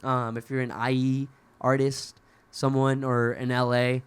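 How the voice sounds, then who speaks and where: A man's voice: mid-range voice, little pitch movement, measured pace, clean tone. A man talking casually as a guest on a podcast, laid-back and rambling, laughing often. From Inland Empire, California. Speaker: guest musician.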